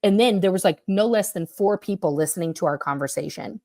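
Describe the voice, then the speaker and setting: A woman on a video call, telling her past experiences as a guest in a casual, animated way with fillers and swearing. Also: mid-range voice, a little fast. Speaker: guest, former member recounting experiences. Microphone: computer mic on a video call.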